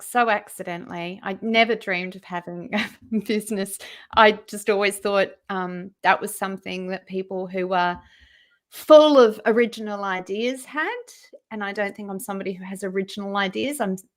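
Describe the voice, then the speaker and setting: A woman in her forties, a guest recounting her career story in a conversational interview over a video call, jumping up high in pitch whenever she quotes someone. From Australia. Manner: animated, raises her voice high when quoting people.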